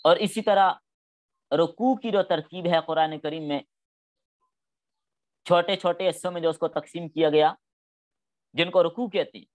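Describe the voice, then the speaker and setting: A man's voice: a little high, steady tone, measured pace, pauses often. A middle-aged man teaching a class on Quran studies, explaining patiently step by step and acting out spoken examples. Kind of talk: classroom lecture.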